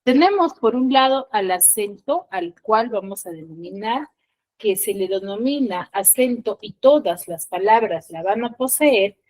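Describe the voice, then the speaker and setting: A woman teaching an online class at a middle pitch. She explains each point step by step and stresses her rhetorical questions. She checks in with students all the time. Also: expressive, a little slow, darkish tone. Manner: rising emphatic questions answered by herself. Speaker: school teacher.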